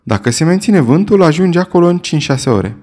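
A man's voice: a little high, animated, darkish tone, voice pushed up. A man voicing a brutal, cold-hearted sea captain who gives curt, mocking commands in a storybook reading.

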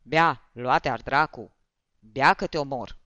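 Narrator barking as a menacing brute barber. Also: male voice, on the high side, big pitch swings, sharp tone, dry recording. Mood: commanding. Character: brutal barber, gruff, loud and threatening. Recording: dull, dry.

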